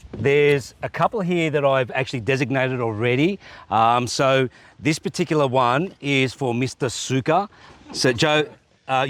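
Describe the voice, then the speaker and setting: A man hosting a casual vlog, talking to friends and to the camera. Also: medium pitch. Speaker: host.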